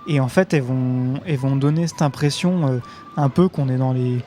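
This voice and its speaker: A man's voice: mid-range voice, normal speed, dark tone. Tentative man chatting, faint music behind. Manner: tentative, searching for words. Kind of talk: casual discussion.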